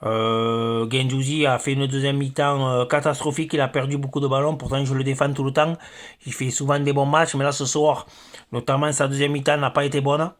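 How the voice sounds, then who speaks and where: A man's voice: mid-range voice, flat delivery, fairly quick. Annoyed guy ranting about his team's loss, lots of uh and stammering. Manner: hesitant, many fillers and stammers. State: angry. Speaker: football fan channel host. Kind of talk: angry post-match rant.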